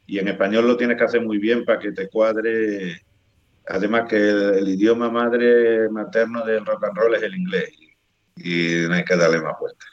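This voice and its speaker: A man's voice: lowish voice, normal speed, dull audio. A man from El Bierzo in Spain with a Spanish accent, a rock guitarist telling stories as a guest in a casual interview, often restarting his sentences. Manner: animated storytelling, frequent restarts.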